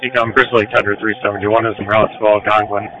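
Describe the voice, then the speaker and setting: A man's voice: fairly low pitch, little pitch movement, fast talker, pushed and bright. A man on a fire tender crew giving procedural status reports over radio from a vehicle. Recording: muffled radio with faint vehicle noise.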